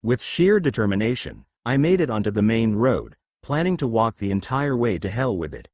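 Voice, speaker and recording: A man narrating a first-person fan fiction story in an expressive storytelling manner. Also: lowish voice, normal speed, no echo.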